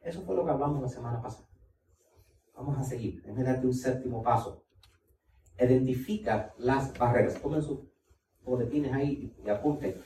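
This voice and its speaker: A man's voice: mid-range voice, normal speed, long pauses, dark tone, distant mic. Male pastor preaching, emphatic, repeats himself, roomy church sound. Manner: emphatic, repeats key points, talks directly to the congregation. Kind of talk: sermon.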